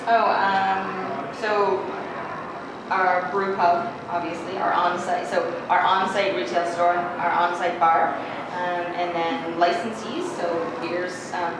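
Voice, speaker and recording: A woman's voice: fairly low pitch, level tone, slow. A woman brewer giving a casual plant tour, chatty and enthusiastic in an informal way. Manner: chatty and enthusiastic, with frequent laughter. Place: indoor brewery production space. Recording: echoey plant room, distant mic, loud background noise. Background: loud ambient noise.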